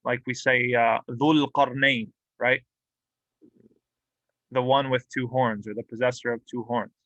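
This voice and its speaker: A man's voice: mid-range voice, level tone, measured pace, a bit bright, dry recording, muffled recording. A man teaching a classroom grammar lesson, explaining patiently and drilling example words aloud with light humor. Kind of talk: classroom lecture. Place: mosque classroom.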